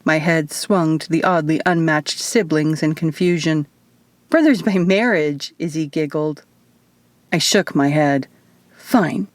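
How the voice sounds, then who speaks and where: A woman reading her own novel aloud as audiobook narration, in a steady storytelling manner, close to the mic. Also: sits low, a little slow, dry recording. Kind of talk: first-person audiobook narration.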